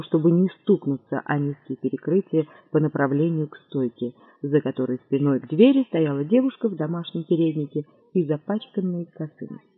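High-voiced man narrating, tinny sound. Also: breathy edge, no room sound. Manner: measured storytelling reader. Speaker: audiobook narrator. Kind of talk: scripted narration. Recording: dry, tinny narrow-band audio.

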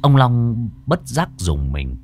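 A man narrating a ghost story in a measured, dramatic storytelling manner. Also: mid-range voice, sing-song, a little mellow, faint music behind.

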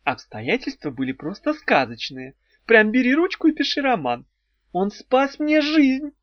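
A man voicing a sassy, flighty young female secretary in a high, teasing tone. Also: wildly swooping pitch, normal speed, dry recording. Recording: dry, slightly dull audiobook recording.

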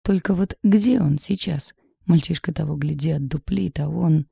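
A woman's voice: deep voice, moderate pace, gravelly, dark tone, husky, no room sound, clean studio sound, exaggerated voice. A woman reading the part of a blunt, sarcastic young woman who works as a lawyer, in an audiobook. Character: sharp-tongued young woman lawyer friend.

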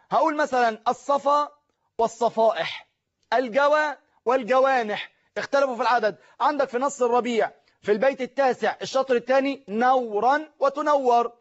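A man with an Egyptian Arabic accent, teaching a televised classroom lesson. He explains slowly, recites verses word by word and quizzes the class. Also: very high-pitched, highs cut off.

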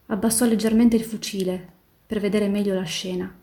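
A woman reading a novel aloud in a steady, measured way, slowing down on the tense passages. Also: mid-range voice. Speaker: volunteer reader in a reading marathon. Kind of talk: literary read-aloud narration.

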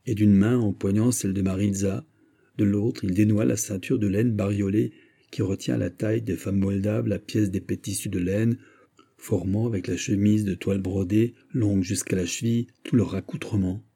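A male audiobook reader narrating a literary story at a measured, steady pace. His voice is husky and rather low. The tone is dark and mellow.

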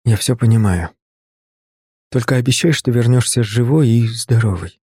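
A man reading a gentle young woman. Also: medium pitch, normal speed, breathy edge, no room sound, clean studio sound, lightly acted. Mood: tender.

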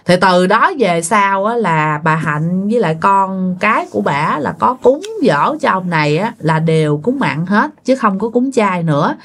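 A woman's voice: mid-range voice, animated, moderate pace, hardly any pauses, a bit bright. A woman, telling ghost stories in a chatty way that speaks to the listeners. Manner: chatty, addresses listeners with fillers. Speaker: storyteller. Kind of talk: casual ghost story narration.

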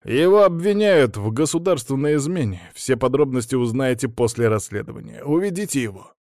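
A man's voice: medium pitch, expressive, a little fast, darkish tone, no echo, clean studio sound, pitched above the performer's own voice, close to an everyday voice. A man voicing a harsh imperial security officer who barks orders. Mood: barking. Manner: barking orders.

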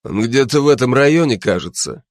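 A man's voice: medium pitch, animated, fairly quick, no room sound, clean studio sound, lightly acted. A man playing a curt gang boss. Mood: commanding. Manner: curt, barking orders. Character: hot-tempered gang boss, man, commanding.

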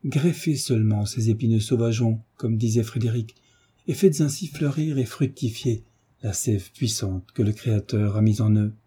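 A man reading the part of a calm, kindly male tutor, reasoning in a measured way. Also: on the low side, breathy edge. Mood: didactic.

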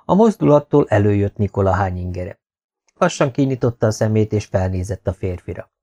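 A man reading a novel aloud as an audiobook narrator, in a steady, even manner. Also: lowish voice. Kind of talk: scripted narration.

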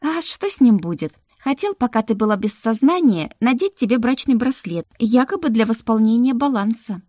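Storybook figure: a woman playing a playful young wife and friend, higher and brighter. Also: expressive, moderate pace, no echo, clean studio sound. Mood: teasing. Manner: bright and teasing. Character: Mira, lively young woman friend, teasing.

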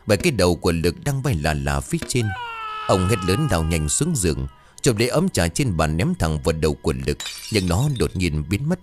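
A man narrating a ghost story in a dramatic, expressive reading. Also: low-pitched.

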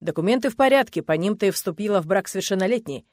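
A woman's voice: mid-range voice, fast, no room sound, clean studio sound, lightly acted. A woman voicing a cold, domineering noble husband. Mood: cold threat. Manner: calm menace turning to hissing rage.

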